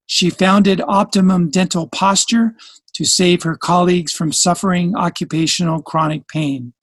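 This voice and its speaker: This podcast host, a man with a high-sitting, slightly bright voice, reads a polished scripted intro in a studio, then moves into enthusiastic interview chat. His tone stays steady and his pace moderate. The studio mic gives a dry sound.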